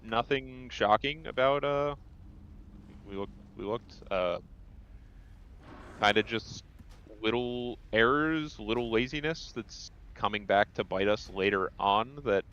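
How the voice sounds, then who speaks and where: A man with a New Jersey accent leading a raid, calmly explaining strategy over voice chat. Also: on the low side. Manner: calm, instructive, many fillers. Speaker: raid leader. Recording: dull lo-fi voice chat.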